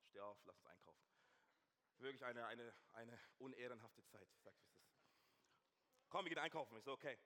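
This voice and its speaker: A man preaching a sermon, shifting from hushed intensity to loud, animated storytelling. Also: mid-range voice. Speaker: pastor. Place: church hall. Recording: long church hall reverb.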